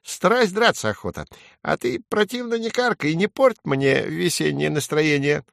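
A man voicing a cheeky, excitable male sparrow in a storybook reading, chirpy and quarrelsome. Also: on the high side, normal speed, creaky, no room sound, clean studio sound, pitched above the performer's own voice, heavily acted. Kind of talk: storybook character voice.

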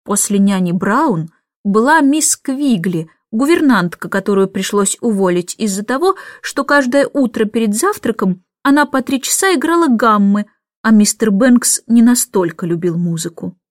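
A woman reading a children's storybook aloud with lively, expressive narration. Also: on the high side, moderate pace, dry recording, clean studio sound. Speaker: reader.

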